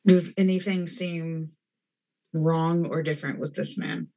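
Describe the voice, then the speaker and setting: A woman's voice: low-pitched, fairly even intonation, unhurried, dark tone, poor audio. A woman playing a tabletop game, casually describing what her character does. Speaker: player. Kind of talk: tabletop role-play.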